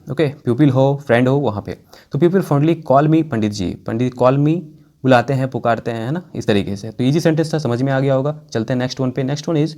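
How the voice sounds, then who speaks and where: Indian man teaching English, slow repetitions. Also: mid-range voice, dark tone. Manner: explains patiently, repeats example sentences slowly. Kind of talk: casual spoken English lesson.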